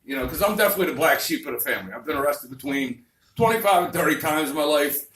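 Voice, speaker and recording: A man's voice: on the high side, animated, quick pace, fairly bright tone. A man doing a crude, vulgar, rambling stand-up comedy set on a club stage. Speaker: stand-up comic. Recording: roomy club, distant mic, faint noise.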